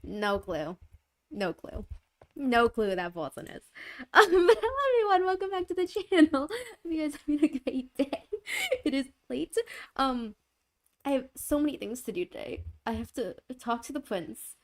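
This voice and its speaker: A woman's voice: high-pitched, big pitch swings, normal speed. A young adult woman streaming from a home gaming setup into a desk mic, chatting casually, giggly and rambling, often repeating herself. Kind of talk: casual live-stream chat. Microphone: desk microphone.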